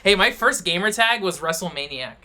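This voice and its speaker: A man's voice: high voice, expressive, a little fast, pushed and bright, a little hiss or hum. A man hosting a casual interview, chiming in often with short agreement. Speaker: host.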